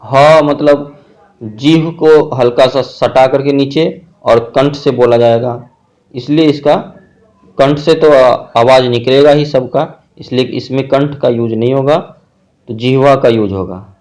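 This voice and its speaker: A man with a medium-pitched, somewhat dark voice teaches a grammar lesson. He explains slowly and methodically, step by step, listing examples one at a time and often checking in with "theek hai."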